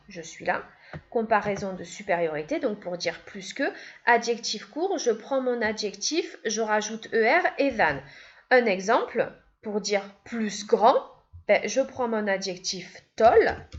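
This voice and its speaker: A woman teaching an English grammar lesson, patiently repeating each step. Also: fairly high pitch. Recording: dull, lo-fi sound.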